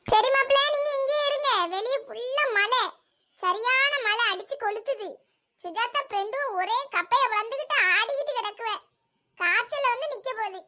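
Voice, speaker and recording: A woman's voice: very high voice, normal speed, pushed and bright. A woman voicing a chatty, fussing older mother-in-law in a cartoon, with a Thoothukudi Tamil accent, heard a bit away from the mic. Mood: fussy.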